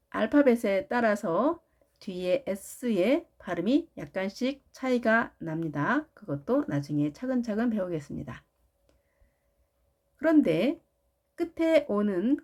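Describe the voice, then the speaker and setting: Woman, English teacher, slow unhurried delivery, patient explaining, grammar lesson. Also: mid-range voice, a little mellow.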